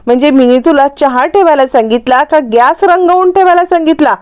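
A woman doing a sharp-tongued scolding mother-in-law. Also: high-pitched, normal speed, clear, resonant tone, lightly acted. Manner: scolding, nagging.

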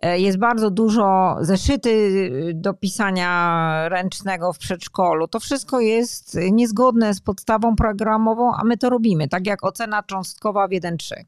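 A woman on a podcast calmly explaining school topics, with frequent filler sounds. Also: mid-range voice, moderate pace, hardly any pauses, smooth, no room sound, studio quality. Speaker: education expert, podcast co-host.

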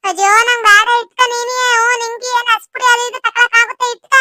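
A woman doing a shy squeaky young bride. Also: fairly even intonation, quick pace, bright, forceful tone, no room sound, studio quality, exaggerated voice. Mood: polite. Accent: North Karnataka Kannada.

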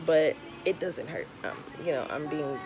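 A young woman with a low-pitched voice and a slight lisp from a tongue piercing chats frankly at normal speed, giving conversational vlog advice to camera over music. The audio is poor: a home recording from a camera or phone at arm's length, with clear background noise.

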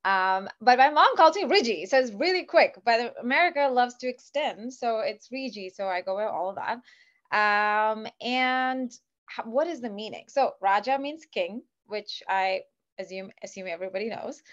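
This Kuwaiti woman in her thirties, a business founder appearing as a podcast guest, has a fairly high, expressive, slightly bright voice at normal speed. She chats enthusiastically with lots of fillers in a casual interview, joining by video call from her home office. The lo-fi call audio sounds dull.

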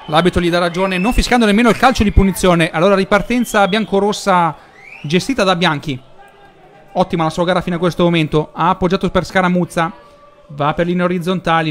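A man with an Italian accent giving live football commentary, rising into excitement when chances come. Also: sits high.

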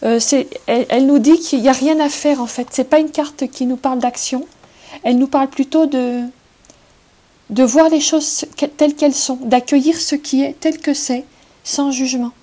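Woman doing a tarot reading, warm mellow tone, slow gentle talk with lots of pauses. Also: high-pitched, steady tone, rough recording. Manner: gentle and unhurried, with many pauses. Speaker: tarot card reader.

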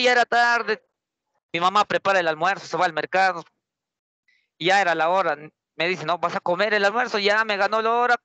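A man's voice: sits high, no room sound. A young adult male teacher with a Peruvian accent, telling a story to his class in a chatty way and often turning to quiz his students. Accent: Peruvian Spanish. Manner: lively, chatty, keeps quizzing students with rhetorical questions.

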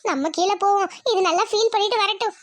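A very high, bright voice plays a scheming young cartoon bride who is sweet to the groom and sly in her asides. The recording is dry and close. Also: fast, no echo. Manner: scheming asides muttered between polite lines. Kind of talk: Tamil cartoon dubbing with asides.

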